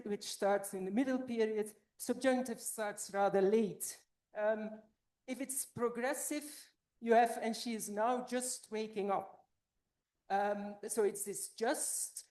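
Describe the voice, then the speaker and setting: A woman's voice: fairly high pitch, dark tone. Slightly breathless woman giving an academic talk. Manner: explanatory, thinking aloud. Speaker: conference presenter.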